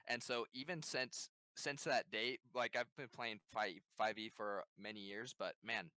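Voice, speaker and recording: A man chatting on a tabletop gaming podcast, joking and riffing with quick laughs. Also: lowish voice, fairly even intonation, sharp tone, dry recording, low-quality recording. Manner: jokey, riffs with laughs. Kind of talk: casual podcast chat.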